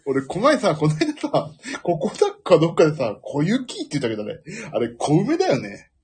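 A man's voice: fairly high pitch, huge pitch swings, a little fast, darkish tone, breathy edge. A man hosting a casual solo talk show, rambling from one thought to the next and laughing at his own jokes. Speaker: podcast host.

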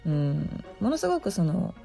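A middle-aged woman with a gravelly, just-woken hoarse voice, chatting casually and self-deprecatingly as the host of a solo show. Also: on the low side, big pitch swings, normal speed, warm tone, faint music behind. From Osaka, Japan. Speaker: host, aromatherapy shop presenter.

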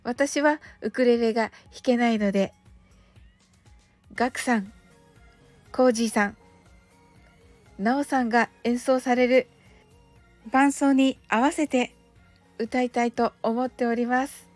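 A woman hosting a relaxed radio show, speaking politely and gently, slowing down for careful English phrases. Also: on the high side, dry recording, soft background music. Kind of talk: relaxed scripted radio talk with English lessons.

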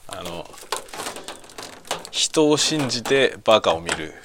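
A man's voice: on the low side, sing-song, takes it slowly, background noise. A man chatting casually and venting in a blunt, grumbling way, often breaking into chuckles. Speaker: streamer chatting on a lunch break. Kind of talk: casual chat, venting about work.

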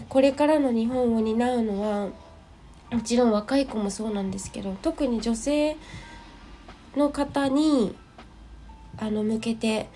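A woman host speaks in a gravelly, croaky voice, hoarse from having just woken up. Her pitch sits fairly high and her tone is soft-edged and mellow. She chats politely and loosely, thinking aloud as in a casual audio diary. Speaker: host of a personal audio show and tea and clay teacher. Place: at home. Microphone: smartphone.

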